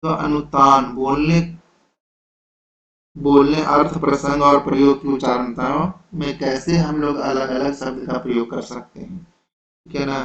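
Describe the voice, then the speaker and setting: A man teaching an exam-prep lecture, explaining slowly and patiently, checking in with his students again and again. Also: mid-range voice, flat delivery, fairly bright tone. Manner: slow, repetitive explaining with frequent "theek hai". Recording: roomy, dull lo-fi sound.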